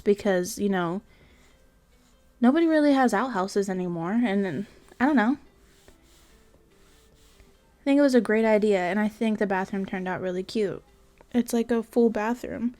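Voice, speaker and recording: A woman's voice: mid-range voice, normal speed, long pauses, a little mellow, faint music behind. A tired woman giving casual, rambling voice-over commentary on her building game, full of fillers and trailing asides. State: tired, yawning.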